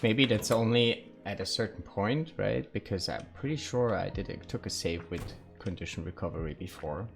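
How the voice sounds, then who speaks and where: A man's voice: fairly low pitch, normal speed, vocal fry, few pauses, soft background music. A man live-streaming a survival game, thinking aloud and chatting casually with his viewers.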